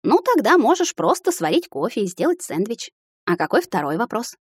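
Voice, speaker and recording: A woman voicing a spirited, quick-tempered young woman in love, who speaks in an emotional, sharp way. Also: on the high side, very animated, slightly rough, pitched above the performer's own voice. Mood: playful.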